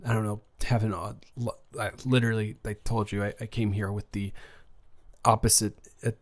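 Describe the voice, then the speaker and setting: A man's voice: fairly low pitch, little pitch movement, moderate pace, close to an everyday voice. A man performing a romantic audio role-play as an anxious, shy new boy at school who stammers and restarts his sentences nervously.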